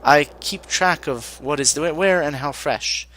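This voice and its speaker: A man's voice: a little high, takes it slowly, sharp tone, low-quality recording. Man reading a stiff young alien apprentice. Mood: formal. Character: young formal male Vahnatai apprentice mage.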